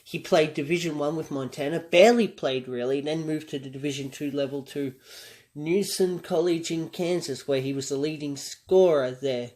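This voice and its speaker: A man's voice: on the high side, normal speed, darkish tone. A man hosting a reaction commentary, talking through song lyrics in a conversational, analytical way and chuckling often. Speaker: commentary channel host.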